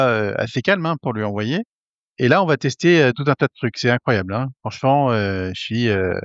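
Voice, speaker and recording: A man hosting a casual tutorial, hesitant with many fillers and restarts, getting excited as he talks. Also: mid-range voice, no room sound, highs cut off. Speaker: tech tutorial host. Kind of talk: casual screen-recorded tutorial.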